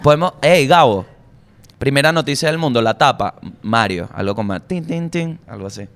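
A man with a Venezuelan accent hosting a comedy podcast, telling stories in slangy, animated chat, swearing freely and throwing in jokey asides. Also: mid-range voice, normal speed, soft background music. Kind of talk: casual comic monologue.

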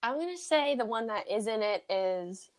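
High, lively young woman, slow and teasing. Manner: playful, teasing, thinks aloud slowly. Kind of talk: casual quiz game chat between friends.

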